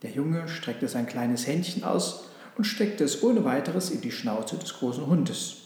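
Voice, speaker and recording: A man narrating a storybook aloud in a calm, measured reading. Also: medium pitch. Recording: very echoey room with long reverb.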